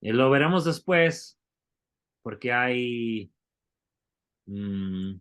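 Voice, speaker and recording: A man's voice: mid-range voice, lively intonation, extremely slow, fairly bright tone, clean tone. A man teaching a Bible Greek class, explaining step by step and asking the students questions. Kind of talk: classroom lecture.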